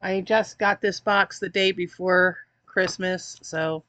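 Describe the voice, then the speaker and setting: A woman's voice: fairly low pitch, steady tone, takes it slowly, fairly bright tone, dry recording. A woman hosting a casual snack-box unboxing, chatty and wry, reading the packaging aloud. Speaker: host reviewing a snack box.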